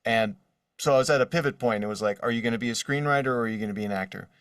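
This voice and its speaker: In a room with drawings behind him, a man chats casually as an interview guest about his working life as a voice actor. His medium-pitched voice comes out rapid-fire, fairly bright and clean, with studio-clean sound, though the distant mic makes it roomy.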